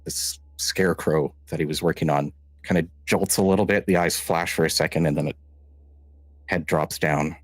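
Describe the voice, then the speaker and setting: A man narrating a tabletop game as game master, halting and restarting as he describes scenes. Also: rumbling low, steady tone, no echo.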